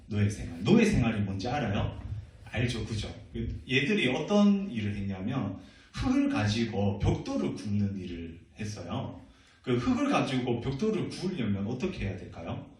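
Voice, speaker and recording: Man, middle-aged, youth pastor sermon, playful questions, animated pitch, distant echoey hall sound. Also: normal speed. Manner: playful, asks the youth questions, laughs often. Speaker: senior pastor. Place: church hall. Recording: echoey room, from a distant mic.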